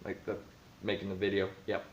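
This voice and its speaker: A low-pitched man talks fairly quickly in a completely flat delivery about the tabletop campaign he runs as dungeon master. It's a rambling, filler-heavy home vlog where he thinks aloud, captured in a roomy, dull lo-fi recording with slight background noise.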